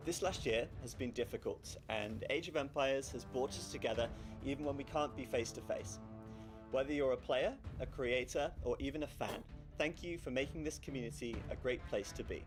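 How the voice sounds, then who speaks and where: A man giving a scripted, grateful address to a game's community. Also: mid-range voice. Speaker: community presenter. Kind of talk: scripted promotional narration. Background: music.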